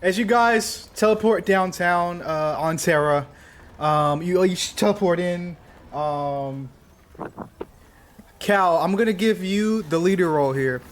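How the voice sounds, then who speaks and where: A man running a tabletop role-playing game, easygoing and quick to apologize. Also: high-pitched, a little hiss or hum. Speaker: game master.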